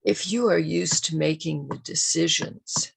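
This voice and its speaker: Slow, gravelly-voiced woman teaching parents. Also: sits low, low-quality recording. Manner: slow, deliberate, emphatic delivery. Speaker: parenting educator and show host. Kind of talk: scripted parenting talk.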